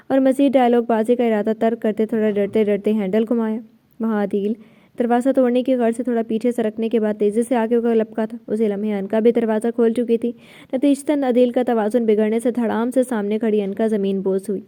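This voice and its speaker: A woman's voice: on the high side, mellow. A woman narrating a novel aloud, reading every character's lines in her own voice.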